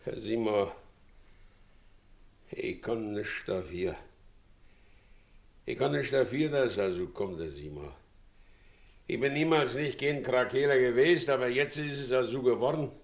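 An actor playing a stolid middle-aged carter who speaks slowly and heavily, in a 1960s radio play. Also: male voice, mid-range voice, lively intonation. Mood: brooding, threatening. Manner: slow, heavy speech breaking into roaring. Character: stolid middle-aged male carter, brooding then explosive. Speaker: carter Henschel.

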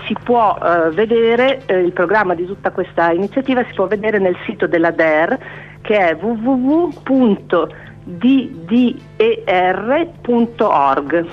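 A woman, a film director, speaking over the phone in a radio interview, halting with hesitant fillers. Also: mid-range voice, expressive. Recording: dull lo-fi phone line, faint music.

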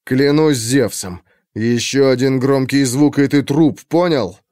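A hoarse young captor, voiced by a man narrating an audiobook, pushing his voice low to threaten. He speaks slowly and tensely. The recording is dry and close. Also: a little mellow, no room sound, lightly acted. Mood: menacing. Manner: hoarse, low, menacing whisper.

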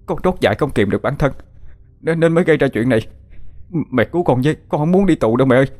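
A man's voice: medium pitch, lively intonation, fast, darkish tone, pitched above the performer's own voice, lightly acted. A man voicing a panicked young male killer who stammers and pleads. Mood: desperate pleading.

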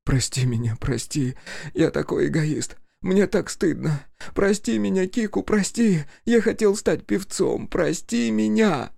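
A man's voice: lowish voice, normal speed, dark tone, no echo, clean studio sound, close to an everyday voice. A man voicing a nasal, guilt-ridden young man in an audiobook. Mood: sobbing.

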